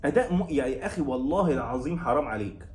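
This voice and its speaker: A man's voice: medium pitch, expressive, quick pace, darkish tone, echoey room. A man with an Egyptian Arabic accent hosting his own football channel, delivering a heated, sarcastic rant that repeats its complaints and scolds the coach. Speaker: football commentator and channel host. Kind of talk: angry fan rant about a match.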